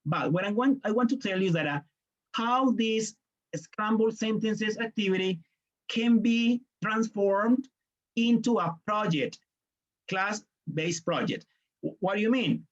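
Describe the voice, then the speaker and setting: Leading a teaching workshop online, a Colombian teacher trainer talks in Colombian Spanish with a high-pitched voice. He walks through ideas one step at a time, briefly taking on the voices of students and parents, while the audio loses its high frequencies.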